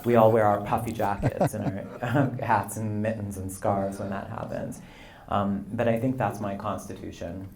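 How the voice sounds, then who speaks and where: A man in his fifties, a poet being interviewed, talking in a relaxed, rambling way with frequent "you know" and light laughs. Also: lowish voice, moderate pace. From Canada and the U.S. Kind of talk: conversational interview. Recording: roomy live event sound.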